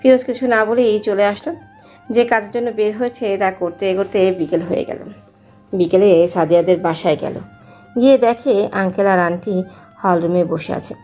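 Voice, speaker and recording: Young woman narrator, mellow timbre, steady story reading. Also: medium pitch, moderate pace, faint music behind.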